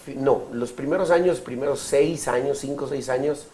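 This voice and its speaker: A Guatemalan man in his thirties giving his testimony in an interview, speaking haltingly with many fillers and restarts. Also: mid-range voice, dark tone, slight background noise, rough recording. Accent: Guatemalan Spanish. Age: 30s. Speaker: interview guest.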